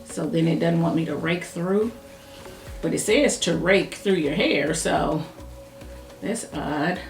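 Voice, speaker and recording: Woman hair vlogger, low-pitched, talks quickly and thinks out loud; echoey home room with soft music under her. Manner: chatty, talks fast, thinks aloud while styling her hair. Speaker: hair care YouTuber. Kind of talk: casual hair product review.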